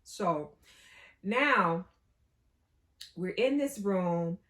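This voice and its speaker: A woman with a lowish voice tells a story in an unhurried, laughing style. She talks to her viewers like a friend and gets animated as the story builds. Her pace stays slow and easy. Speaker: co-host.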